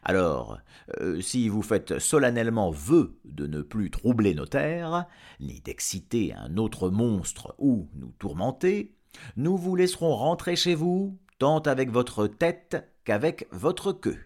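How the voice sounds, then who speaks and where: A man's voice: medium pitch, big pitch swings, takes it slowly, darkish tone, voice pushed up. A man voicing a solemn village rector who declaims formally, in a storybook reading. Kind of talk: audiobook reading.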